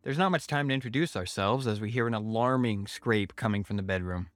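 A man's voice: lowish voice, brisk, dry recording, faint music behind. A man narrating a scripted first-person horror story in a wry manner.

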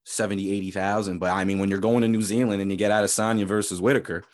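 A man hosting a casual sports podcast who rambles in a relaxed way and swears freely. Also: fairly low pitch, rapid-fire. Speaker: podcast host.

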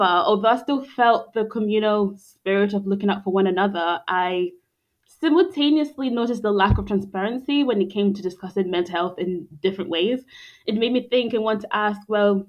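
A woman in her twenties, born in Zimbabwe and raised in Scotland, appears as a podcast guest and gives reflective, conversational answers; she is a psychology and counselling graduate. Her voice is mid-range, and the audio has its highs cut off.

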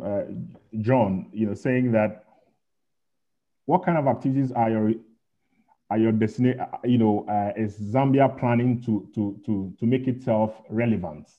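A man with a fairly low voice moderates a meeting through dull, lo-fi audio. He puts questions in a loose, unscripted way, stopping and restarting as he goes. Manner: halting, tentative phrasing with repeated words. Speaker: moderator relaying audience questions. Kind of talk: unscripted moderating of a town hall. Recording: dull, lo-fi online call audio.

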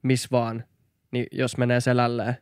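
A man's voice: monotone, a little mellow, smooth, no room sound. A man co-hosting a casual podcast chat, boisterous and swearing freely, speaking into a close studio mic. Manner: boisterous, swears, bursts into high whoops. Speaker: podcast co-host.

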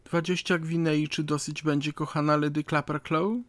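A man's voice: on the high side, little pitch movement, moderate pace, dry recording, voice pushed up, lightly acted. A man reading a storybook, voicing a pushy, effusive upstart society lady who begs for favors. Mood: eager. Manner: pleading, effusive.

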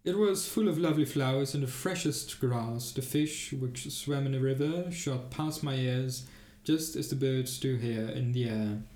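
Guy reading an old fairy tale, steady, mid voice, echoey room. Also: medium pitch, measured pace. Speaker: narrator.

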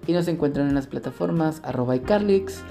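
A man's voice: on the high side, brisk, vocal fry, dark tone, faint music behind. A man co-hosting a podcast, reading a listener's story aloud in a frank, chatty and playful way. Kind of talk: casual chat and reading aloud.

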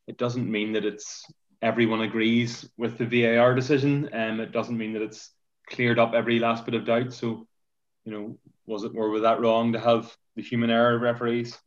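Flat-voiced man rambling on a podcast. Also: mid-range voice, moderate pace, dull audio. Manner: rambling, repeats words, flat delivery. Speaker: podcast panelist. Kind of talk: podcast football discussion.

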